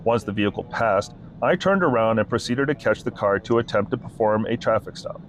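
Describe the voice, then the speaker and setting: Low, formal man reading a report. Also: a little fast, slight background noise. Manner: flat, formal, methodical. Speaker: state trooper narrating his report. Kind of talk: read-aloud incident report narration.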